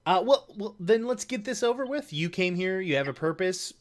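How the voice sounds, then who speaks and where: A player in a live tabletop game, talking loosely with many pauses and fillers. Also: mid-range voice, animated. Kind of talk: casual role-play banter.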